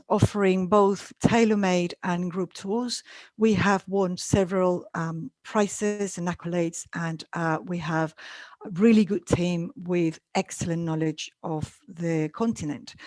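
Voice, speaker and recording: A woman's voice: mid-range voice, no room sound. A woman from Chile with a Chilean Spanish accent, giving an informal online travel presentation with many fillers and restarts.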